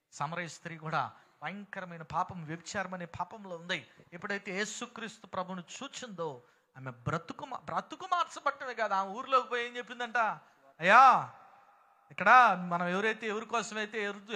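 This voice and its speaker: A man's voice: sits high, pushed and bright. A man with a Telugu accent preaching a sermon in a prayer hall, emphatic and calling out to the congregation for responses. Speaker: pastor.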